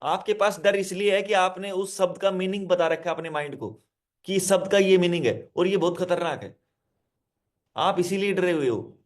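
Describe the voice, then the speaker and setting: Male hypnotherapist, somewhat high voice, instructive self-help lesson, repeats each point and speaks straight to the listener. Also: normal speed. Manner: repetitive, instructive, addresses listener directly; explains with simple word examples.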